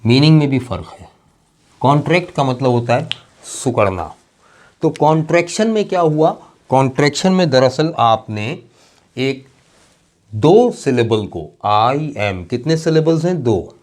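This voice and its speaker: A male teacher giving a classroom lecture in a patient, explaining manner. He spells out example words slowly and letter by letter, and keeps checking that his students follow. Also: medium pitch, lively intonation, a little mellow. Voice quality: slow, drawn-out emphasis on example words. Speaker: English teacher.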